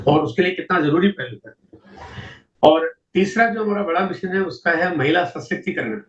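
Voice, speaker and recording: A man gives a seminar talk, walking through statistics with repetition and rhetorical questions. His voice sits high for a man. It is picked up from a distance in a roomy, echoing space on a dull, lo-fi recording. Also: a bit bright. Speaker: network marketing seminar speaker.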